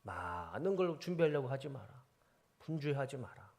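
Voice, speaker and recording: A male pastor voicing a gentle teacher calming a worried woman, in a sermon retelling. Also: medium pitch, normal speed.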